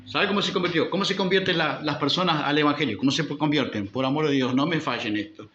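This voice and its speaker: A man's voice: fairly high pitch, quick pace, pushed and bright, roomy sound, dull audio, slight background noise. A man preaching a sermon as pastor, driving points home with rhetorical questions. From Uruguay.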